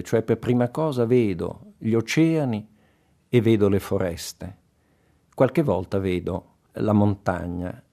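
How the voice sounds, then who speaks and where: A man giving reflective literary commentary in a contemplative, deliberate way. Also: on the low side, creaky, warm tone.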